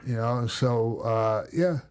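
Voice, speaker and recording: A middle-aged man with a Minnesota accent tells old stories on a podcast. He rambles, circles back and fills gaps with ums and you-knows. His voice sits at an everyday pitch. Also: slow pace, a little mellow, clear, resonant tone. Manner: rambling, many restarts and fillers. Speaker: podcast host and former wrestler. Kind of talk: casual podcast storytelling.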